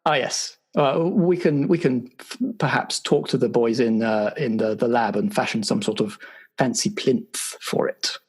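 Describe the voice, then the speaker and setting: Speaking at normal speed in a husky, darkish mid-range voice close to his everyday one, a man portrays a male spy agency bureaucrat in an improvised roleplay. The awkward, apologetic official stammers officiously through a debrief, offering formal but halting praise.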